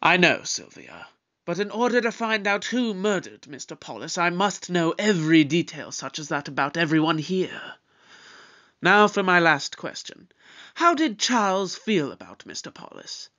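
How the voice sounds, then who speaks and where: A performer playing the Doctor, a shrewd, probing investigator who questions formally and deliberately in an audio drama. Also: medium pitch, big pitch swings, pushed and bright, highs cut off. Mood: coolly insistent.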